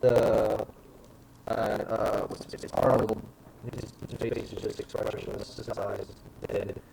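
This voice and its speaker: A man narrating as game master, rambling and hesitant, often pausing with fillers. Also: lowish voice, flat delivery, vocal fry, darkish tone. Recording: noisy background.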